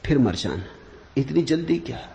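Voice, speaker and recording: Give me a man playing a calm wise fakir, quiet and low, with a mellow voice. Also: normal speed, vocal fry. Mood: gentle.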